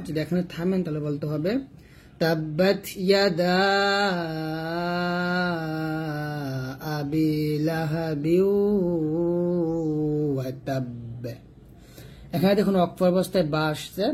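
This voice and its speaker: A man with a Bangladeshi Bengali accent teaching Quran reading, spelling out syllables and reciting them slowly and patiently for learners. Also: sits high, a little mellow, a little hiss or hum.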